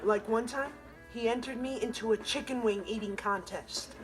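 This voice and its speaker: A young male actor with a very high voice, at moderate pace, plays an earnest, responsible teenage stepbrother who's easily exasperated. In this scripted TV sitcom monologue he tells stories indignantly, with emphatic, theatrical comic timing, while music and laughter sound in the background.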